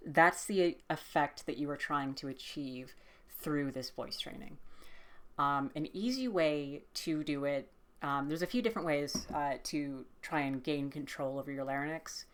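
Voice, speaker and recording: Woman, low voice, relaxed tutorial, hesitant with fillers and restarts. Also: moderate pace. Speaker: voice training tutor. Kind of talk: casual instructional vlog.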